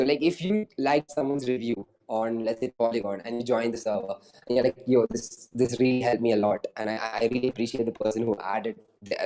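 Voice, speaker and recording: A man with a mellow, dark voice talking loosely on a video call. He rambles, restarts sentences and leans on fillers as he explains his product. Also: medium pitch, low-quality recording. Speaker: startup founder. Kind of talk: casual interview answers over a video call.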